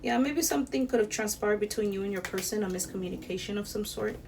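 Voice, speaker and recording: A woman's voice: medium pitch, quick pace, far from the mic. A young woman giving a casual tarot reading to camera, chatty, swearing lightly and laughing often. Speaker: tarot reader. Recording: air conditioner noise behind.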